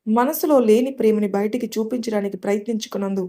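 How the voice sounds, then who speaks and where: A woman storyteller giving a calm, scripted narration of a love story. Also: medium pitch, fast.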